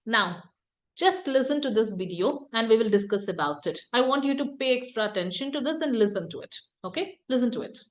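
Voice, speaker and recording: A woman's voice: on the high side, lively intonation, a little fast. A woman presentation skills trainer giving an online class lecture over a video call, ending points with tag questions. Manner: tag questions, repeated emphasis.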